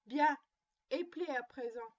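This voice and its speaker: A high-voiced little girl lectures her doll like a strict, prim mother, taking her time over each reproach, as a woman puts her on. It is a storybook reading with slightly muffled, lo-fi sound. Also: takes it slowly. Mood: scolding.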